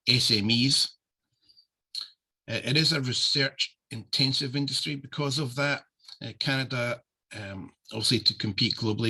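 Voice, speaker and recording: A Scottish man, deputy director of a trade office, gives a friendly, loose webinar presentation over a video call, dropping plenty of "uh" fillers. His mid-range voice has a sharp, breathy edge, and the audio quality is poor.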